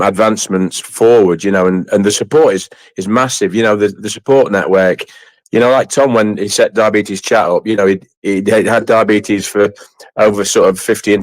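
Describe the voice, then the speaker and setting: A man hosts a casual chat in a fairly low voice. He is effusive and rambling, often halting and doubling back on his phrases. The sound is dry, with very little room in it. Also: no room sound, low-quality recording. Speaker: host of an online community chat.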